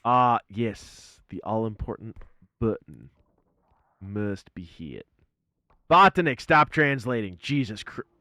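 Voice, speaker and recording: Lively joking man streaming a game. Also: fairly low pitch, slow, no room sound. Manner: joking, exclamatory, laughs often. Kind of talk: casual gaming stream chat.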